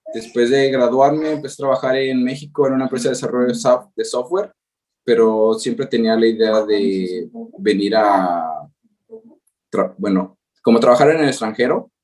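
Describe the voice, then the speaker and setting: This guest presenter's voice is mid-range and a little mellow. A Mexican man in his 30s with a matching accent, he gives a webinar talk by video call from home in Japan, where he works remotely, and he's halting, with many fillers.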